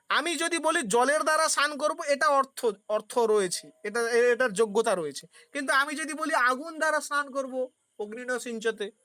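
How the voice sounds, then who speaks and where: A woman's voice: a little high, a bit bright, no echo. A woman teaching a philosophy exam-prep class. She poses questions, answers them herself, and uses everyday examples.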